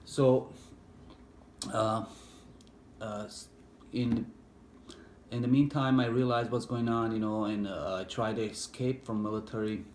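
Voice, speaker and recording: A middle-aged man from Bosnia with a Bosnian accent, English not his first language, recalling his past haltingly with many fillers and restarts in an interview. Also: fairly low pitch, steady tone, darkish tone. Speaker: interviewee, war veteran. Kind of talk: personal recollection, hesitant. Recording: echoey room with faint background noise.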